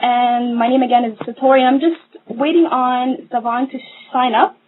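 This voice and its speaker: A fairly high-voiced woman from Somalia guest hosts a live radio show, speaking hesitantly with lots of ums. She comes through a narrow, tinny phone line. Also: steady tone, normal speed. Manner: hesitant, many fillers, new to hosting. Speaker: guest host, holistic nutritionist. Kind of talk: casual live radio talk.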